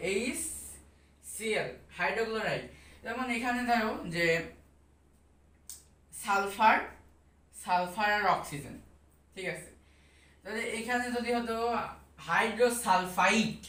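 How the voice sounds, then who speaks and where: A woman's voice: medium pitch, fairly bright tone. A woman teaching a school science lesson, asking questions and repeating the answers to her pupils. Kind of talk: classroom lesson. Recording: echoey room, distant mic.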